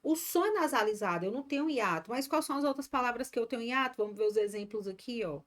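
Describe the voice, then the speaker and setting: A woman from Ceará teaches a live online grammar class in a fairly high voice. She talks chattily and encourages her students between points. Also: lively intonation, fast. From Ceará, Brazil.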